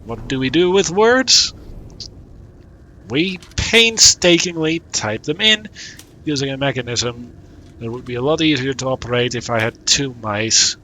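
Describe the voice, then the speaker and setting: A man's voice: mid-range voice, animated, measured pace, bright, forceful tone, a little hiss or hum. A man streaming a puzzle game, thinking aloud in a casual, muttering way as he works through it. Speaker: gaming streamer. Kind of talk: casual let's-play commentary.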